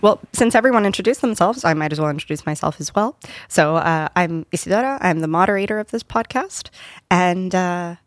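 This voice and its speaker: A woman in her twenties hosts a podcast with a slightly low voice. She talks in a friendly, conversational way and drops in the odd filler word as she moderates. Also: lively intonation, a little fast, no room sound, studio quality. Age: 20s.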